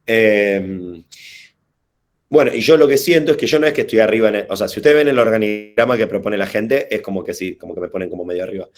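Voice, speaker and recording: Low-voiced man with a Rioplatense accent. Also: fast. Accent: Rioplatense Spanish. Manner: casual, digressive, slangy, hesitant restarts. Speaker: workshop facilitator. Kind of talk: informal online workshop talk.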